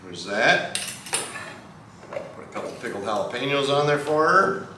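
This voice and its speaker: A man's voice: medium pitch, expressive, unhurried, pushed and bright. A man chatting casually to the camera as he plates food at home, playful and teasing. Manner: playful, teasing, talks to camera while plating. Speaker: home cook co-host. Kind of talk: casual cooking vlog chat. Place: home kitchen. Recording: very echoey room from far off with noise.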